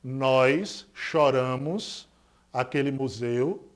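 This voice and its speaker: A man's voice: mid-range voice, extremely slow. A male English teacher with a Pernambuco Brazilian Portuguese accent gives a recorded lesson, asking students questions and confirming each point. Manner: didactic, asks students rhetorical questions and confirms with "certo?"; stresses English example words more loudly.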